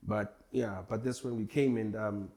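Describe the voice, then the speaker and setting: Laid-back man in his forties, low voice. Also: fairly even intonation, normal speed, vocal fry, warm tone. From Tanzania. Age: 40s. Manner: laid-back, rambling, chuckles often. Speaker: guest hip hop artist. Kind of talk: casual interview chat.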